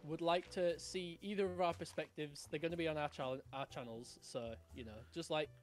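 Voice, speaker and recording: A man casually chatting while playing a game, thinking aloud and bursting into excited shouts. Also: on the high side, fairly quick. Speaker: gaming channel host. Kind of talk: casual gameplay chat. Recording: light background music.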